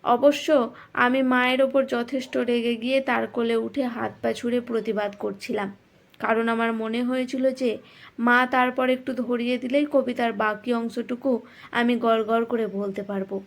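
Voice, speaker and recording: A woman tells her own story aloud as a first-person narration. She sounds reflective and pokes fun at herself, and her voice sits fairly high. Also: little pitch movement, moderate pace, vocal fry. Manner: reflective and self-mocking.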